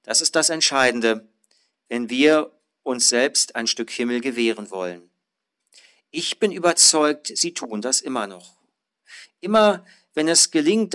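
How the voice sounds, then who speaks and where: A man's voice: a little high, a bit bright. Earnest male pastor preaching. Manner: measured, earnest preaching with rising emphatic phrases. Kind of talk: sermon.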